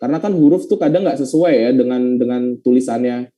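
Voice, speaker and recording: A young man teaching English pronunciation in an online class, patiently repeating example phrases slowly and dropping English phrases into his explanations. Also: mid-range voice, dark tone, poor audio.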